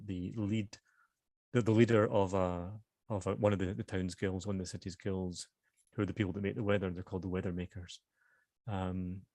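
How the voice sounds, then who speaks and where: A middle-aged Scottish man with a Glasgow accent, introducing and reading from his own novel. His voice is low and gravelly, and he talks with hesitant restarts. The recording is dry and close. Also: no room sound. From Scotland. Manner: hesitant, with many fillers and restarts in chat. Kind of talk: author reading and book talk.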